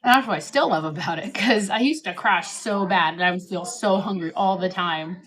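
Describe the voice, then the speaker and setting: A woman's voice: mid-range voice, moderate pace, fairly bright tone, rough recording. A middle-aged woman with a mid-range voice chats casually to the camera as she eats a steak dinner. She rambles from one thought to the next and often slips into quoting what she said or thought. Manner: talking while eating a steak dinner; chatty, rambling, self-quoting. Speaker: vlogger.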